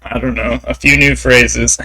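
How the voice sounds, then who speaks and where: A man's voice: mid-range voice, fairly even intonation, sharp tone, poor audio. A man, a native English speaker, chatting casually as a live streamer with his viewers. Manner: halting, beginner French with searching pauses when speaking French. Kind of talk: casual chat.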